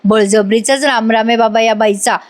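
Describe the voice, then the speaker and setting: A woman's voice: on the high side, steady tone, normal speed. A woman giving a chatty voice-over recap of a TV episode, talking straight to her viewers. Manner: chatty, addresses viewers directly. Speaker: TV show reviewer.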